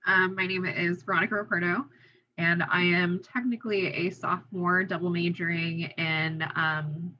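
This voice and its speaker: A young woman student introducing herself in a quick, chatty, hedging way on a video call. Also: fairly low pitch, bright, forceful tone, dull audio. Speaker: undergraduate student.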